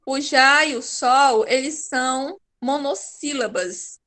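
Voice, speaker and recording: A woman's voice: high voice, slow, a bit bright. A Brazilian woman teaching an online class, patient and encouraging, praising her pupils by name. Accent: Brazilian Portuguese.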